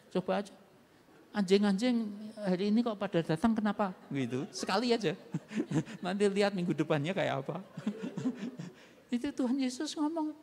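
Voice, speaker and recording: A man preaching a sermon as pastor, animated and acting out voices, with sharp swings in loudness. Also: high voice, gravelly, a little hiss or hum. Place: church sanctuary. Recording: long church hall reverb.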